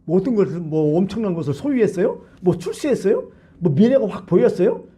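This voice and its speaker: Animated man preaching, husky and dark. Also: high-pitched, fairly quick. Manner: colloquial, animated preaching with rhetorical questions. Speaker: pastor. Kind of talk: sermon. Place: church sanctuary.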